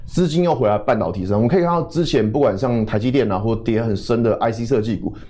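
Rapid Taiwanese male market analyst. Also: mid-range voice, mellow. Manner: poses questions and answers them himself. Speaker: guest technical market analyst. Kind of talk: informal explanatory commentary.

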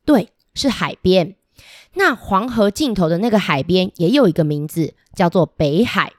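Animated woman telling children's stories. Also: fairly low pitch, normal speed, no echo, studio quality. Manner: animated, addresses children directly with questions. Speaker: children's storyteller. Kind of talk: storytelling for children.

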